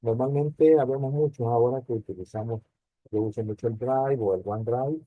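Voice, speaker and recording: A man's voice: medium pitch, fairly even intonation, brisk, no echo, phone-quality sound. Man lecturing students on slide design. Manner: explanatory, addresses students directly with rhetorical questions. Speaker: university lecturer. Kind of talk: recorded online class lecture.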